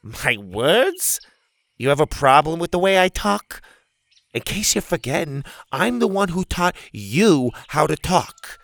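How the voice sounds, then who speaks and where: A man voicing a rude, crabby girl who lives wild in the jungle, snapping gruffly in a storybook reading. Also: on the high side, sing-song, measured pace, a bit bright, dry recording, clean studio sound, pitched above the performer's own voice, full character voice. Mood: grouchy.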